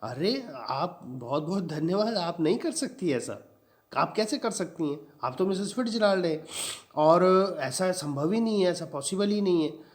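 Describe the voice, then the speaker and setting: A man's voice: high voice, expressive, unhurried, pitched above the performer's own voice. Male teacher reading as a nervous, meek housewife in a lesson, hesitant and pleading. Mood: flustered. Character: timid, meek middle-aged housewife.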